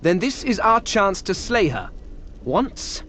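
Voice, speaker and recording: A man's voice: high-pitched, sing-song, takes it slowly, a bit bright, slight background noise, exaggerated voice. An actor voicing a stern, righteous male adventurer in a fantasy game, formal and dramatic. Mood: stern resolve. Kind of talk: video game character acting.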